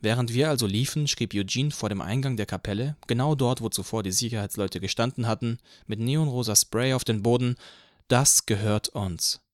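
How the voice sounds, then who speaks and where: A man's voice: medium pitch, no room sound. Man reading an audiobook, dry close sound. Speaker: audiobook narrator. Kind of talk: scripted first-person narration.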